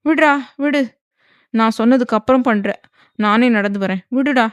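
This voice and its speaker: Casting: a teasing, pouty young wife with quick comebacks, read by a woman narrator. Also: mid-range voice, a little mellow, dry recording, natural voice. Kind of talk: dramatized audiobook reading.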